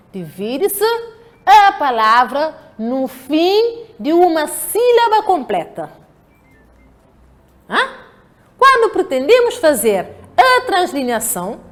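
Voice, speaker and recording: A woman teacher with a European Portuguese accent, giving a slow, patient lesson to children and often checking that they follow. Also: high-pitched. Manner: slow, patient, checks understanding with rhetorical questions. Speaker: primary school teacher. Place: home.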